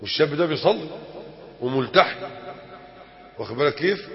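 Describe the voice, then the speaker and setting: A man with an Egyptian accent gives a religious lesson in a fairly high voice. He is animated and keeps firing rhetorical questions at the room. The recording is dull and lo-fi, with a long hall reverb. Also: a little fast. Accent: Egyptian Arabic. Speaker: sheikh teaching a religious lesson.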